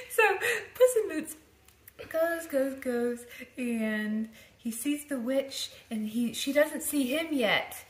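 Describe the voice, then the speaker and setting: A woman playfully telling a made-up story to a small child, animated and laughing often. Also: high-pitched, very slow. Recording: echoey room.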